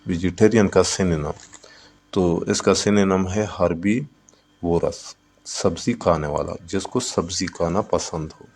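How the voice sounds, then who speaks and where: A man's voice: low voice, measured pace, a little mellow, slightly rough. A man teaching a textbook lesson. He reads English lines and then explains them in Urdu, repeating words as he counts syllables.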